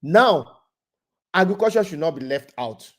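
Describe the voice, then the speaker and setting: Give me a man speaking remotely on a video call as a guest presenter, delivering a webinar lecture in a halting way and often repeating words as he restarts. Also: fairly high pitch, lively intonation, fairly bright tone.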